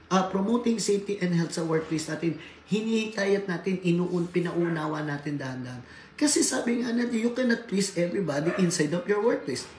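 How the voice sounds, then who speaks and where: A man from the Philippines giving a workplace safety seminar lecture, switching between Tagalog and English and often adding tag questions like "right?". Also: high-pitched. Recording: echoey room, faint background noise.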